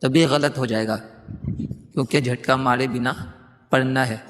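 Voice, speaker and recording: A man teaching a Quran reading class, quickly explaining rules and slowly chanting the letter sounds. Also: mid-range voice, steady tone. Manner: spells letters out in a slow chant; quick, gentle explanations between drills. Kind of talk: online lesson. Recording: long reverb, faint music behind.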